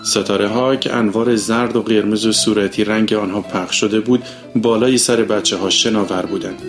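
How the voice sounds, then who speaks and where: A man narrates a short story at a middle pitch, calm and even. Faint music plays softly underneath.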